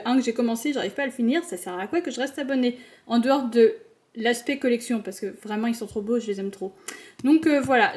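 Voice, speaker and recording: Young woman rambling about her books, fairly high voice, lots of um and restarts. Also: darkish tone. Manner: chatty, many fillers and restarts. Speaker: book vlogger. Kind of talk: casual reading vlog.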